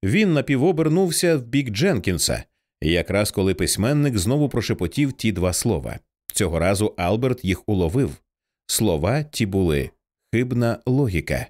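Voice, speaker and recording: Expressive man narrating a thriller audiobook. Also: fairly low pitch, moderate pace. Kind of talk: scripted narration.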